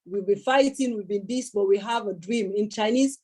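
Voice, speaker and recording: A woman's voice: mid-range voice, normal speed, warm tone, slightly rough. A young woman giving an earnest public speech at a celebration, emphatic, repeating her key words and thanking many people. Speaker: speaker at a celebration event.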